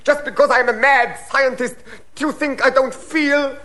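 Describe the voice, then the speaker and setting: High-voiced theatrical mad scientist baron. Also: male voice, fairly even intonation, moderate pace, sharp tone. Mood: wounded, self-pitying. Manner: theatrical, gloating and wheedling. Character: mad scientist baron, lecherous, self-pitying foul fiend. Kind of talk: radio comedy acting.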